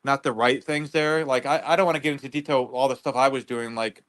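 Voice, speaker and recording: A man guest on a livestream, talking in a rambling, halting way with many restarts. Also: medium pitch, steady tone, fairly bright tone. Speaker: guest neighbor. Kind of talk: casual livestream interview.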